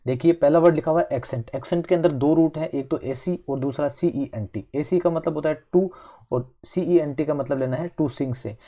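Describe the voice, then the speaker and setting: Indian guy explaining english word roots, mellow voice a bit high, keeps saying theek hai. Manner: fills pauses with "theek hai". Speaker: English vocabulary teacher. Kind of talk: online vocabulary lesson.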